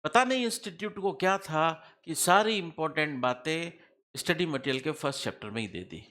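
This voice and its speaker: A man's voice: a little high, expressive, a little fast, sharp tone. A middle-aged man teaching tax law in a classroom lecture, repeating key figures and quizzing students with questions.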